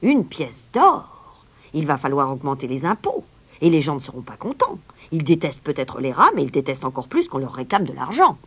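A woman's voice: low voice, very animated, moderate pace, breathy edge, heavily acted. A woman voicing a worried male town councillor, talking fretfully in a storybook reading.

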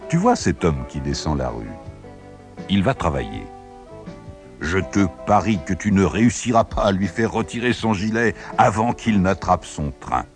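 A man voicing a calm, good-humoured male sun who laughs easily and speaks low, with music underneath. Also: moderate pace. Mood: jovial. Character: jovial calm male sun, chuckling and confident.

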